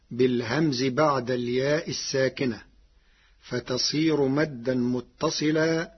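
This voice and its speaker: A man teaching the variant readings of Quranic recitation in a slow, deliberate, measured lecture. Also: medium pitch, breathy edge, highs cut off. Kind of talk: scripted explanatory lecture.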